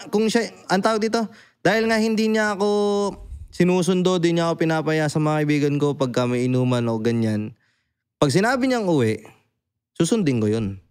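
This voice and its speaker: A young adult man hosting a casual podcast chat, animated and blunt, swearing freely and often asking "di ba?". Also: sits high, brisk, clean tone. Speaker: podcast host.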